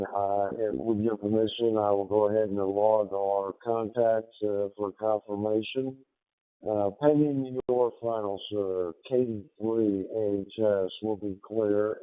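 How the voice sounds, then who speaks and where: Low, even-toned American man over tinny radio. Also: clean tone. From United States, Pennsylvania. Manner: courteous, formal radio procedure. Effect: radio transmission. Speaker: amateur radio operator. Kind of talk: ham radio contact. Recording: narrow tinny two-way radio audio.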